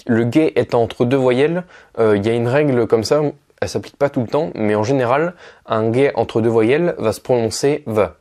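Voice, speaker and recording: A man teaching Russian in as a casual video lesson, patient and unhurried, with frequent fillers as he spells words out. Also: mid-range voice, darkish tone.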